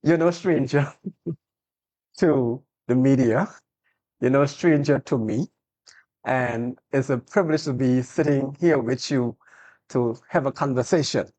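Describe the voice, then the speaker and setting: A medium-pitched talk-show host opens earnestly with a heartfelt prayer, then warmly affirms the guest between questions. He takes his time with frequent pauses, and the recording is rough.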